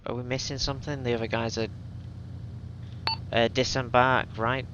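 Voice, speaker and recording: A man's voice: mid-range voice, flat delivery, moderate pace, muffled recording. A man chatting casually as a gamer, hesitant and questioning, with short commands. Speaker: player acting as vehicle commander. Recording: loud vehicle noise throughout.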